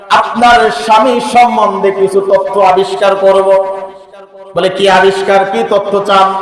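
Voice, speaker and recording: A male preacher telling a story, rising into an emotional chant and calling on the listeners to respond. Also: high voice. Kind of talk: sermon storytelling. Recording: echoey hall from a distance.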